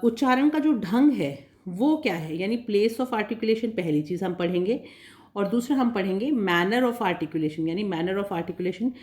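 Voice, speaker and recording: A woman teacher patiently explaining a phonetics lesson, repeating points and sounding out single sounds slowly. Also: medium pitch, a little mellow. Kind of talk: exam-prep phonetics lesson.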